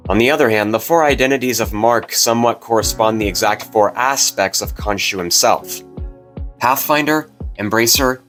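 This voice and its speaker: A man's voice: on the low side, a bit bright. A man hosting a video, giving casual scripted commentary. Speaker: video host. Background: music.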